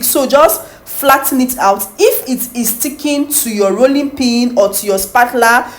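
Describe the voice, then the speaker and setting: Chatty woman baking tutorial host. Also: on the high side. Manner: friendly, repetitive, asks viewers "do you understand?".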